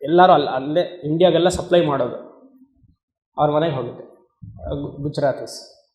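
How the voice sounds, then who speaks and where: A man, a swami, giving a spiritual discourse on Vedanta, talking conversationally, asking the listeners questions and chanting Sanskrit verses slowly. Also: fairly high pitch, roomy sound, lo-fi sound. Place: discourse hall.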